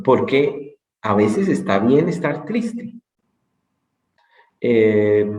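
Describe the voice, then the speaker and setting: A man lecturing in a calm, explanatory way, circling back to stress his main points. His voice sits at a middle pitch and echoes around the room he is speaking in. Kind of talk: conference lecture. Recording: roomy echo.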